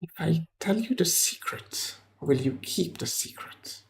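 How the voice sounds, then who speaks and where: A man voicing a cryptic male trader of glowing trinkets, speaking in a sly, secretive hush. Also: on the high side, animated, measured pace, creaky, voice pushed up.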